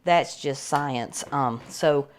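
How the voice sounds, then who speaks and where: A woman's voice: extremely low pitch, slow pace, a little hiss or hum. A middle-aged woman casually demonstrating a bread machine recipe at home, chatty and rambling with frequent restarts.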